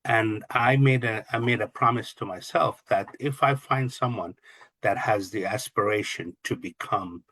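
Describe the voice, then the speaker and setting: A man's voice: fairly low pitch, moderate pace, fairly bright tone, slightly rough. A middle-aged man from Kuwait, a guest in an interview, answering in an earnest, reflective way and often restarting his sentences. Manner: earnest, reflective, lists ideas with repeated restarts. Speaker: guest, real estate investor and coach.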